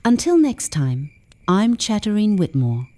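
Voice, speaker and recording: Slow, mellow woman storyteller. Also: mid-range voice, big pitch swings. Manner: gentle, reflective. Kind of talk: scripted narration.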